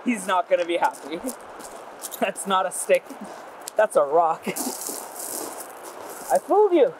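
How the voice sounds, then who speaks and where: A man's voice: sits high, a little slow. A man on a camping trip chatting casually and joking outdoors, recorded on a camera mic. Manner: playful, joking. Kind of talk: casual chat. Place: outdoors at a lakeside campsite. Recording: noisy outdoor camera audio. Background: outdoor ambience, dog.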